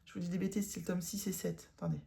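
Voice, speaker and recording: A woman's voice: on the low side, fairly even intonation, fast, gravelly, dark tone. A woman with a northern French accent, chatting casually about her cross-stitch haul, rambling with fillers and correcting herself, tired. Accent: northern French, Ch'ti.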